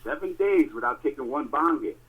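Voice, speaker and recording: Speaking fairly quickly in a mid-range voice, a man co-hosts a podcast by phone, and the line sounds tinny with slight background noise. He spins stories in a lively, emphatic, casual way, using plenty of fillers.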